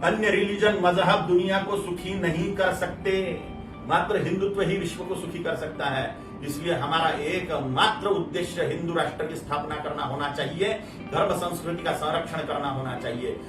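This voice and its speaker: A man with a notably high voice delivers a fervent religious discourse, declaiming list after list of repeated phrases. He sounds set back from the microphone in an echoey room, with clear music playing underneath. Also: steady tone, moderate pace, distant mic. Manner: emphatic, declaiming in long repeated lists. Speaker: religious preacher.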